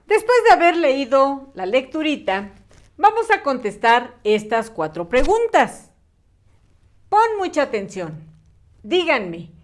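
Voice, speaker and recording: A young woman teaching an online class to small children, asking patient questions and reading aloud. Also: high-pitched. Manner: slow, patient, sing-song questions to children. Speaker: primary school teacher.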